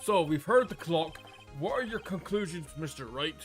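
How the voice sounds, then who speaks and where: A man's voice: on the high side, animated, normal speed, soft background music, lightly acted. A man voicing a stern male judge in a courtroom video game, speaking formally and pronouncing to the court.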